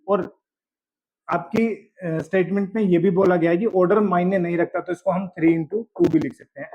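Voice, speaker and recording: A man's voice: sits high, slight background noise. A man teaching a school math lesson, working through examples step by step and often checking that students follow. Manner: explains step by step, checks in with "ठीक है". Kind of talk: board-exam math lesson. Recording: dull lo-fi audio.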